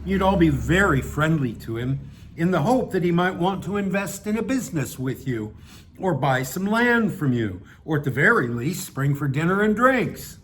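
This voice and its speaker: A man's voice: a little high, very animated, normal speed, a bit bright, a little hiss or hum. A man reading his own humorous essay aloud, with a dry, wry delivery and offhand asides.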